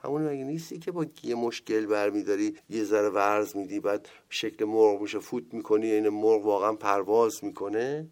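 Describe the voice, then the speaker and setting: A man voicing an anxious man who chases after someone and pleads with him to stop, rushing his questions. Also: on the low side, fairly even intonation, darkish tone, lightly acted. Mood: pleading. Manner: urgent pleading, rapid questions.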